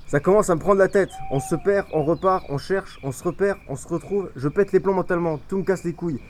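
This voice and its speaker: Woman playing a furious male villager, quick-talking ranter, noisy home recording. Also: on the low side, darkish tone, voice pushed down, lightly acted. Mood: ranting. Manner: ranting, cursing. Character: foul-mouthed angry male villager, short-tempered. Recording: noisy, clicky amateur recording.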